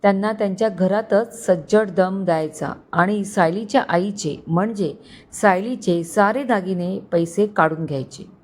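A woman voicing an impatient young man who asks sharp, demanding questions on a late-night call. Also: mid-range voice, measured pace, natural voice. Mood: commanding.

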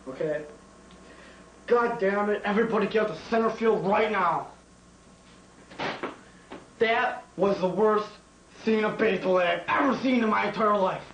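Young man's teacher impression of an intense high-voiced baseball coach. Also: close to an everyday voice. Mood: outraged, impassioned. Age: young adult. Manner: speechifying, emphatic, repetitive. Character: intense, earnest male baseball coach obsessed with the game. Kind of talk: teacher impression, comedy skit. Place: home kitchen. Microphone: camcorder across the room. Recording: roomy, distant, hissy home camcorder.

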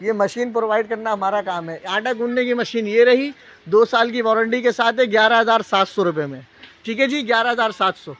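A man with a Pakistani accent giving a casual, unscripted live sales pitch as a shop salesman, repeating prices and tag phrases. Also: a little fast, fairly bright tone. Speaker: shop salesman hosting a live sale video. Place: indoor appliance store, walking the aisles. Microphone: handheld phone. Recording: dull lo-fi phone audio, shop noise.

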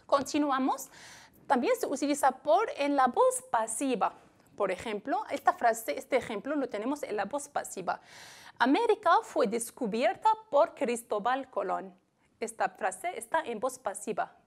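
A Spanish teacher from Morocco with a Moroccan accent, giving a recorded classroom lesson. She explains slowly, repeats her examples and asks the class questions. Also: high-pitched, very animated.

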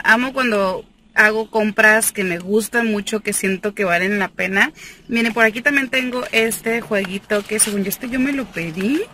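Bright-voiced chatty woman. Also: medium pitch, slight background noise. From Mexico. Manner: chatty and enthusiastic, laughs often. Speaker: cosmetics seller and vlogger. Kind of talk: casual unboxing chat. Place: parked car, indoors. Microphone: phone camera at arm's length.

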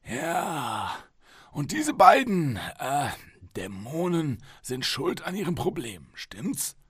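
A man voicing a calm, condescending police psychologist in his early forties in an audiobook reading. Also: a little high, slow pace, husky, no room sound, studio quality, pitched above the performer's own voice, heavily acted. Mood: patronizing.

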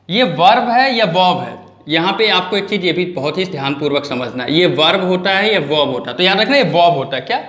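A man's voice: sits high, pushed and bright, reverberant. A man teaching a grammar lesson in a classroom, mixing Hindi with English and asking questions that he answers himself.

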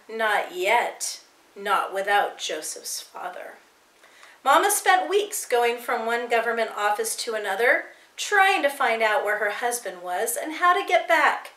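A woman teacher reading a novel aloud to her students with expressive, dramatic storytelling. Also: on the high side. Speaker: English teacher. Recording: echoey room.

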